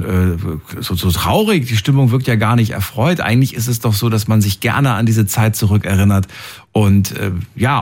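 Ein Mann Ende dreißig aus Thüringen moderiert eine Anrufsendung im Radio und plaudert locker mit Füllwörtern. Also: male voice, lowish voice, darkish tone, slightly rough. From Thuringia, Germany. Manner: chatty, reminiscing, with fillers. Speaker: radio call-in host. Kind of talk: radio call-in show.

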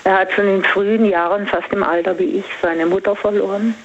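An older woman calling in, confiding personal matters in halting phrases with pauses. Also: mid-range voice, steady tone. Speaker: caller. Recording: dull phone line.

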